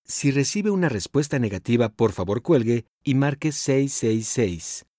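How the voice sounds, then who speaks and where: A man reading a parody of an automated phone menu in a measured, formal announcer manner. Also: medium pitch, expressive, mellow, dry recording, studio quality.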